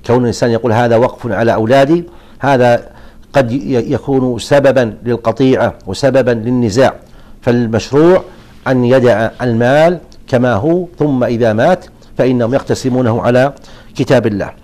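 Listeners' religious questions are taken up by a male Islamic scholar who explains them calmly, like a lesson, frequently starting sentences over. His voice is medium in pitch and a bit mellow.

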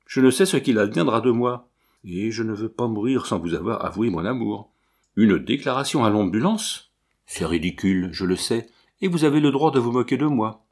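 A man's voice: fairly low pitch, lively intonation, moderate pace, darkish tone. An ardent young officer speaks with earnest urgency, as a man reads him aloud. He is wounded yet passionate, pressing his points plainly. The voice stays close to a reader's own. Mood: earnest, urgent.

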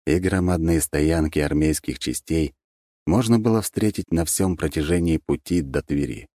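A man narrating a fantasy audiobook in an even, measured storytelling manner. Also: sits low, no echo, studio quality. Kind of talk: scripted narration.

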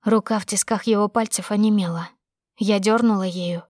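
A woman's voice: medium pitch, steady tone, moderate pace, darkish tone, dry recording, studio quality. A woman narrating a dramatic first-person audiobook with tense, emotional storytelling.

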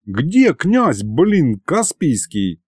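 A man's voice: fairly high pitch, wildly swooping pitch, drawn-out words, a little mellow, husky, no echo, studio quality, voice pushed up, full character voice. A man voicing a brash, cheeky young underling who wheedles his boss.

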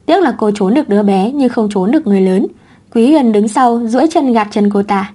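A woman narrating a romance novel as an audiobook host, in a steady, even reading. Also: a little high, a little fast, slightly rough. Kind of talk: scripted story narration.

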